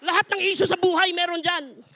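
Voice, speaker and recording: A male pastor preaching an energetic, emphatic sermon at a men's conference, mixing in English verses. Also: very high-pitched, brisk, a faint crowd.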